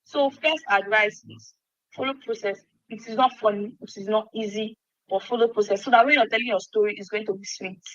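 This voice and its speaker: A woman's voice: mid-range voice, steady tone, fairly quick, a bit bright, no echo. A woman guest speaker giving earnest advice over a phone call.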